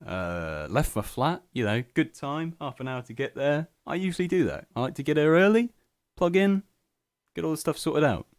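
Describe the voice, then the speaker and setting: A man's voice: a little high, sing-song, normal speed, dry recording. A young man hosting a student radio show alone in a small studio, chatting in a rambling, self-mocking way, full of restarts. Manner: self-deprecating, scatterbrained, lots of restarts. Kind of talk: rambling solo radio chat. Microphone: studio microphone.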